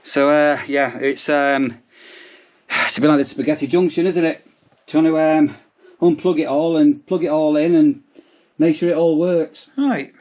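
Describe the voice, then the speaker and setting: Speaking in a clear, resonant, medium-pitched voice, an English-accented man rambles casually to camera as a vlogger, seemingly narrating his day.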